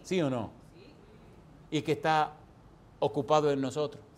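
Fervent preacher, a man with a high voice. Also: steady tone, measured pace. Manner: fervent, with rhetorical questions to the congregation; storytelling with acted-out dialogue. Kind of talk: sermon.

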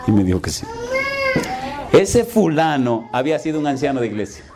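A man's voice: mid-range voice, big pitch swings, brisk, background noise. A middle-aged male pastor who tells a story in his sermon, laughing often and putting questions to his congregation.

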